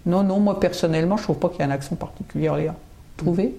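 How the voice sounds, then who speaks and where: An older woman with a French accent talks in a relaxed, dark-toned voice. She answers casually and hesitantly, doubling up short words as she thinks aloud. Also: fairly low pitch, rapid-fire, gravelly. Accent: French from France. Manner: hesitant, repeats short phrases. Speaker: interviewee, local resident. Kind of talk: casual conversational interview.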